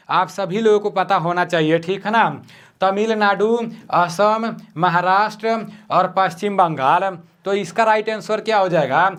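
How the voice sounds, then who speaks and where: A young man teaching exam questions at home at night, talking softly and repeating each question. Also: high voice, clean tone. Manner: soft-spoken, repeats each question, frequent "theek hai na". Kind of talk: quiz-style exam lesson.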